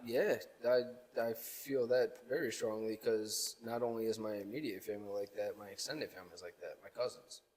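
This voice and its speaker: Male co-host, rapid profane storyteller, mid pitch, reverberant room. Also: darkish tone. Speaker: podcast co-host. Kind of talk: casual podcast banter.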